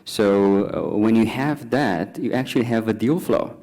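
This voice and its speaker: A man's voice: medium pitch, moderate pace, a little mellow. A man speaking on a panel discussion, hesitant, with many fillers and restarts.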